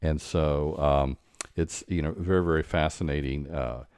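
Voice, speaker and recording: A deep, low-pitched man hosts a conversation, speaking in a halting, stop-start way full of restarts and fillers. The sound is dry and close, with no room echo. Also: steady tone, a little mellow, clean tone. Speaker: podcast host. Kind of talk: conversational interview.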